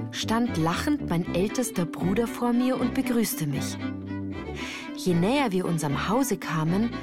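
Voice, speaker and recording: An actress narrates a literary radio drama as a sensitive woman remembering her youth, speaking in a measured, reflective way with a voice on the low side.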